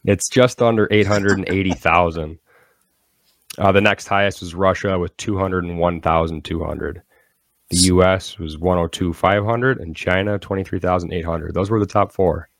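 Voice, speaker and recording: A man co-hosting a podcast, reading trivia questions out slowly and steadily. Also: sits low, steady tone, no room sound, clean studio sound. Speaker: podcast co-host running trivia. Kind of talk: casual chat, quiz hosting.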